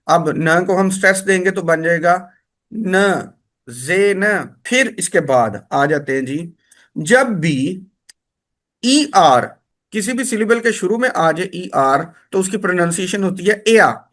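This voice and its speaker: A man gives a spoken lesson. He explains step by step and says each word slowly, often more than once, so learners can copy the sounds. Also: a little high, fairly bright tone. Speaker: language teacher.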